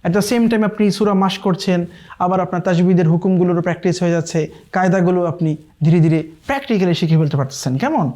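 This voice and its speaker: A man teaches Quran recitation in an online lesson. He explains the rules briskly and keeps asking his listeners whether they follow. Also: sits high, mellow. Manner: explains quickly, then recites verses slowly and drawn out; often checks in with listeners asking "okay?".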